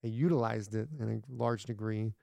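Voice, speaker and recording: A man's voice: on the low side, steady tone, moderate pace, creaky, mellow, no echo. A man talking as a podcast guest in casual interview chat, rambling with many restarts, blunt and sometimes profane.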